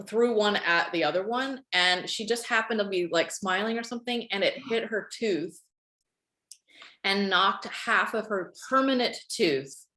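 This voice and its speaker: Brief: middle-aged woman, candid rambling storyteller, mid pitch, roomy echo. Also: fairly bright tone. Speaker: podcast guest, online course expert. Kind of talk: casual interview chat.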